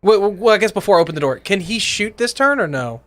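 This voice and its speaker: A man's voice: high-pitched, expressive, fast, fairly bright tone. A man chatting casually as a player in a tabletop role-playing game. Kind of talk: casual chat. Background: background music.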